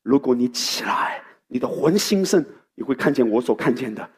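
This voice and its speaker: A man voicing God in a sermon, speaking low, steady and reassuring. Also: normal speed, husky. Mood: assuring. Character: God speaking, calm and assured. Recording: echoey hall.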